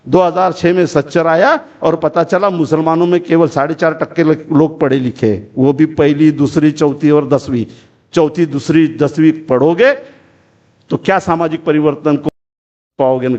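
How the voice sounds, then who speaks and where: High-voiced animated Marathi orator. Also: male voice, lo-fi sound. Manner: animated, addresses audience as friends. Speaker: public speaker. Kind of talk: public speech with storytelling.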